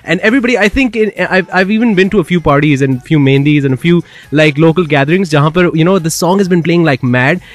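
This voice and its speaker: A man's voice: a little high, fast talker, few pauses, no room sound. A man with a Pakistani accent hosting a radio interview in a hyped, slangy way, repeating words for emphasis. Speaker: radio host.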